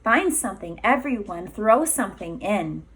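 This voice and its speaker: An excitable storybook witch, played by a woman reading to children. Her voice is raised in pitch and swoops expressively. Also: moderate pace. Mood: gleeful. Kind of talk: storybook read-aloud for young children.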